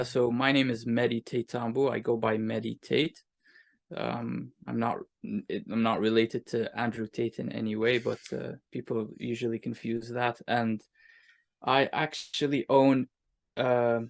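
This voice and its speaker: A man's voice: medium pitch, little pitch movement, a little slow, vocal fry. A young man with a Moroccan accent, telling his own story candidly in an interview in a reflective, casual way. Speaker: guest, agency owner.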